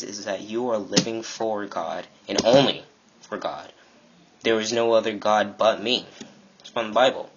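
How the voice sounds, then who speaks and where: Earnest teen boy, low husky voice. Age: teens. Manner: earnest, animated, acts out quoted classmates. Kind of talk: casual preaching to camera. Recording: dull lo-fi webcam audio.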